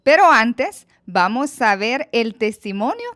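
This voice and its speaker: A woman's voice: on the high side, very animated, takes it slowly, a bit bright. A woman presenting parts of a church service with formal, welcoming announcements.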